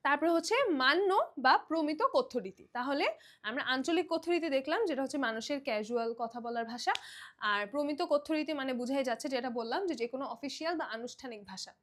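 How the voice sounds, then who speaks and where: A young woman from Bangladesh talks through a grammar lesson for exam students. Her voice sits high, and she explains in a loose, conversational way, slipping in English words and often pausing to check that her students are following. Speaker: teacher. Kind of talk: online exam-prep lesson.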